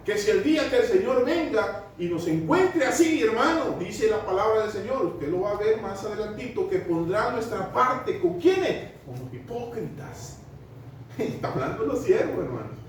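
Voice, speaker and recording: A man preaching a sermon to his congregation, firing rhetorical questions at them and dropping in joking asides. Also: high-pitched. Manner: asides and chuckles mid-sermon. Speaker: pastor. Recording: very echoey hall, voice from far off, faint noise.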